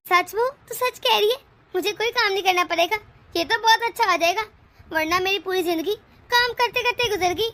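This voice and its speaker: A woman's voice: very high-pitched, fairly quick, a bit bright, dry recording. A woman voicing an old, bossy mother-in-law in a cartoon, giving orders and scolding. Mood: pleased. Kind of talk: cartoon voice acting.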